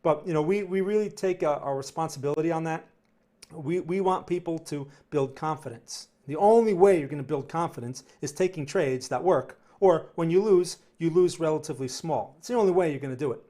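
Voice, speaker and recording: A slightly high, mellow male voice moves briskly as this New Jersey-accented host runs a live trading stream from his home studio near New York City. Fielding viewer questions, he rambles, doubles up on words, and ends lines with "right?".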